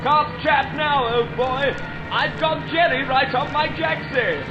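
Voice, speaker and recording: A man's voice: extremely high pitch, slow pace, voice pushed up. A man voicing a pompous upper-class British fighter pilot from the First World War, full of bluster. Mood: hurried. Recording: dull audio under loud music.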